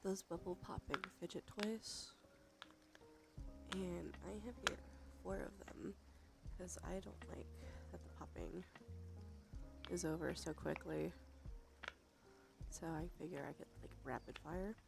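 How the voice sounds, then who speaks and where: This streamer is a woman whose creaky, breathy whisper carries a soft-spoken ASMR livestream that keeps sliding into whispers. Her pitch sits fairly low, she takes her time with long pauses, and music runs behind her.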